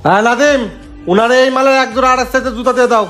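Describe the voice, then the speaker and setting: A man's voice: extremely high pitch, steady tone, fairly bright tone, faint music behind. A man acting a dismissive salesman who brushes off a customer. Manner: dismissive, quick colloquial talk. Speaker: shop salesman in a skit. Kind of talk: amateur social drama acting.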